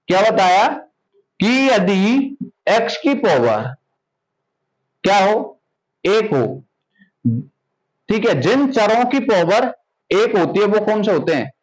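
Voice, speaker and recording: A man with a high voice explains a maths lesson step by step. He keeps asking his students questions and then answers them himself. He checks in with them again and again as he goes. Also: poor audio. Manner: repeats "ठीक है" often, asks rhetorical questions. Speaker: maths teacher.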